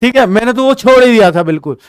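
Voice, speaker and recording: A man's voice: extremely high pitch, expressive, fast, clear, resonant tone, no echo, clean studio sound. A man who teaches exam coaching, giving frank advice to students in a blunt, chatty way. He scolds, repeats his points and nudges students along.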